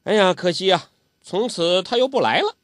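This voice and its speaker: A man's voice: high voice, animated, moderate pace, no echo, studio quality, pitched above the performer's own voice. A man voicing a playful, childish old male martial artist, who whines and teases in a petulant way. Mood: eager. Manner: whiny, petulant, teasing.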